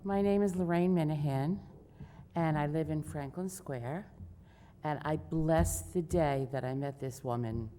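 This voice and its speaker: A woman's voice: low voice, unhurried, warm tone. A woman giving public comment as a resident, grateful and emotional, stumbling and restarting as she talks. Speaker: resident speaking at a hearing. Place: village hall meeting room. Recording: reverberant hall with faint noise.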